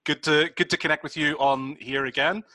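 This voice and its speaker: A man's voice: fairly high pitch, steady tone, brisk, pushed and bright, dry recording. A man hosting a casual interview, asking rambling questions with many restarts. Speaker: interviewer, host.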